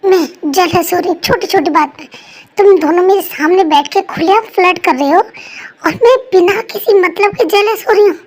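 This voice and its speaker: A woman's voice: high voice, moderate pace. A woman playing a jealous, short-tempered young wife who scolds in an exasperated way, in a fan story role-play.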